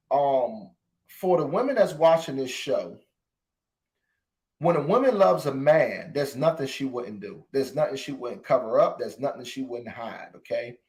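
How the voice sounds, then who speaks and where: A man's voice: mid-range voice, darkish tone. A man hosting a podcast, talking with emotion to his listeners and repeating phrases for emphasis. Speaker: podcast host. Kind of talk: impassioned commentary.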